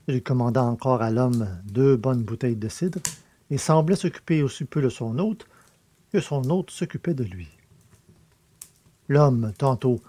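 A man reading a classic novel aloud as an audiobook narrator, in a measured literary manner. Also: mid-range voice, dark tone, dry recording.

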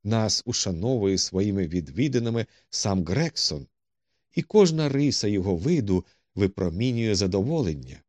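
A man's voice: on the low side, very animated, normal speed, a little mellow, no room sound. A man voicing a cool, dry-witted male detective who speaks tersely and with command.

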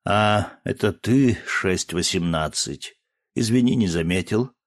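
A man voicing a playful old spaceship artificial intelligence in an audiobook, with a pleasant baritone and a familiar, self-mocking manner. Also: slow pace, heavily acted. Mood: teasing.

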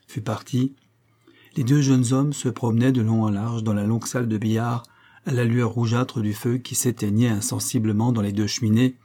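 A man narrating a classic novel as an audiobook, reading in a measured, expressive way. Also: medium pitch. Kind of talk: scripted literary narration.

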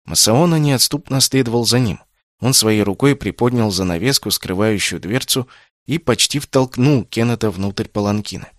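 A man narrating an audiobook in a low, steady voice. His storytelling is even and unhurried, and the recording is dry and close, with no room sound at all. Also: no room sound. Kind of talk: scripted narration.

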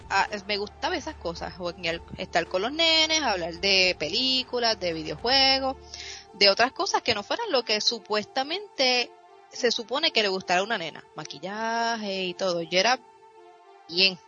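Bright Puerto Rican woman telling stories. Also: medium pitch. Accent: Puerto Rican Spanish. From Puerto Rico. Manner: lively anecdotal storyteller, mixes in English words. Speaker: guest, streamer. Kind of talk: conversational interview storytelling. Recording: dull lo-fi sound with faint music.

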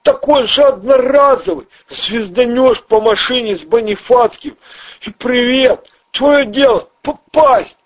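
A man putting on a shrill whiny small-time crook. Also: a little slow, breathy edge, heavily acted. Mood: panicky. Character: panicky pleading red-haired male small-time crook. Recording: dull lo-fi audio.

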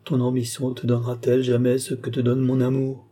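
A man's voice: medium pitch, monotone, fairly quick, mellow, husky, natural voice. A man reading the lines of a young woman desperately in love, in an impassioned, pleading delivery. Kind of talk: audiobook character reading.

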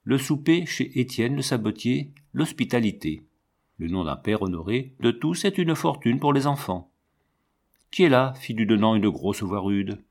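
A man narrating a classic children's novel as an audiobook, in a steady, measured storytelling manner. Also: mid-range voice.

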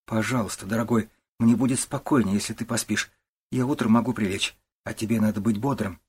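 A man voicing a gentle young wife and mother who speaks softly and pleadingly. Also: on the low side, steady tone, a little fast, slightly rough. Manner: soft, hushed and pleading.

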